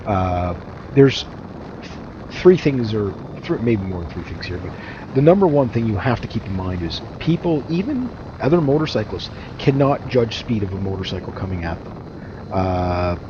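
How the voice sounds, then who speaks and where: A man's voice: fairly low pitch, expressive, normal speed. A man giving casual, rambling advice to viewers in a hesitant way with repeated words, speaking into a microphone inside a motorcycle helmet. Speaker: motorcycle vlogger. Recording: dull muffled helmet audio, loud engine noise.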